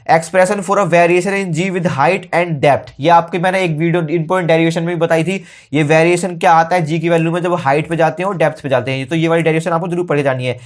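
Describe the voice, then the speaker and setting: Brisk, quick-talking man giving exam tips. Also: a little high. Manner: brisk, informal, keeps saying brother and okay. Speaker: teacher.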